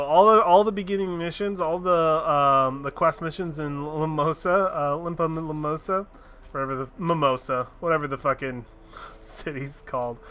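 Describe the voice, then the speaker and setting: This gaming streamer has a fairly high, bright voice with a forceful tone. Playing a fantasy game, he keeps up loose, casual commentary, joking and cursing while reading the quest text aloud.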